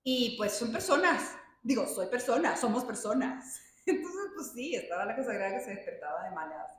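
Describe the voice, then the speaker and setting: A woman's voice: fairly high pitch, very animated, normal speed, a bit bright. A woman giving a personal testimony to a group, telling her story in a chatty, anecdotal way with asides. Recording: very echoey room sound.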